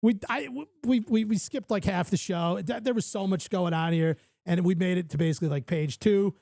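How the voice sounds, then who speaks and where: Male host, high voice, heavy vocal fry, joking casual banter, dry sound. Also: fairly quick, dark tone, no echo. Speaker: talk show host. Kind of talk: casual chat.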